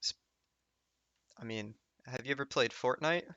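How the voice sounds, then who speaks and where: A man's voice: mid-range voice, unhurried, pushed and bright, clear, resonant tone, no room sound. A man co-hosting a podcast in easygoing, supportive casual chat. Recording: dull, dry lo-fi sound.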